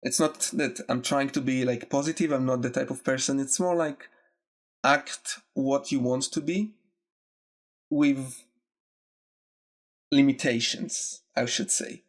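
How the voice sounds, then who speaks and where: Slow-talking man, nasal with a cold. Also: mid-range voice, steady tone. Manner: slow, halting, reflective, with pauses. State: sick, congested and nasal. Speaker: YouTube video essayist. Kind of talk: casual talk to camera.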